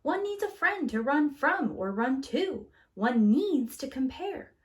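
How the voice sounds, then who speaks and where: A woman telling stories to preschoolers performs a picture book with great theatrical flair. Her pitch swings widely, she stretches important words for the little ones, and she reads slowly.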